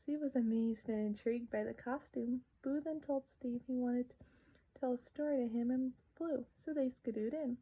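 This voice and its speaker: A woman's voice: a little high, moderate pace, slightly rough. A woman casually retelling a children's episode, with occasional whispered asides. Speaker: storyteller. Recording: narrow phone-like sound.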